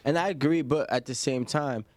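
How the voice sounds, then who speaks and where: A man's voice: medium pitch, normal speed, a little mellow. A man on a discussion panel, arguing his point emphatically in casual street slang.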